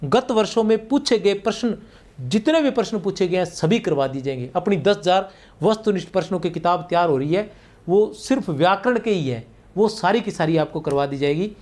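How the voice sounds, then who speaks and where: A man's voice: high-pitched, lively intonation, fairly quick, a little mellow. A man teaching a grammar class for exam prep. He explains patiently, checks in with his students often, and draws out key words as he writes on the board. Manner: patient, repetitive explaining, frequent "theek hai na" checks.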